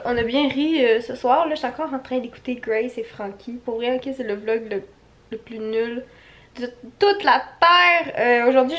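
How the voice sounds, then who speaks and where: High-voiced Québécois woman vlogging at home. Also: darkish tone. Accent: Québécois French. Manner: chatty, laughs often, coos at her dog. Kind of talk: casual home vlog talk. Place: at home on a couch in the evening.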